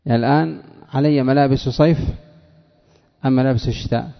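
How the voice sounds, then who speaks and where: Gravelly guy teaching a grammar class, keeps repeating examples and quizzing students, lo-fi, echoey hall. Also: mid-range voice, steady tone, brisk. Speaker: sheikh teaching Arabic morphology. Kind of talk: classroom lesson with questions to students. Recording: dull lo-fi recording in a reverberant hall.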